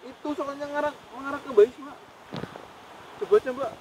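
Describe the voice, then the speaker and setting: A man's voice: very high voice, level tone, fairly quick, darkish tone, a little hiss or hum, poor audio. A man co-hosting a ghost-hunting vlog, talking in an uneasy way and repeating prayers. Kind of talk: live paranormal investigation vlog.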